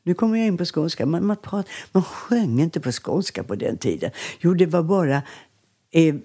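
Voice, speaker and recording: With a husky, fairly low voice, this older Swedish singer from Skåne rambles through casual stories in an interview. She's chatty and animated, quick to laugh between anecdotes.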